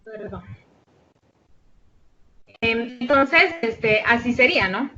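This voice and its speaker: A woman's voice: fairly high pitch, lively intonation, slow, pushed and bright, lo-fi sound. Salvadoran woman tutoring over a video call. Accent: Salvadoran Spanish. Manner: explanatory, asks rhetorical questions, many "este" fillers. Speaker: online tutor. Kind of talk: online class lecture.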